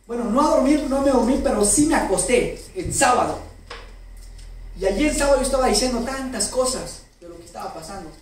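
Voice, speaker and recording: Very high-voiced, expressive, and brisk, a male pastor preaches in church, recounting a personal story emotionally and asking the congregation questions. He admits he's a crier, and the very echoey hall, faraway mic, and faint noise shape the recording.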